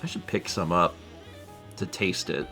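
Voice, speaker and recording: A man in his thirties co-hosts a live stream, casually rambling, laughing often and teasing himself as he reads comments from viewers. He speaks at a measured pace in a low-pitched, sharp voice with fairly even intonation, and soft music plays behind him.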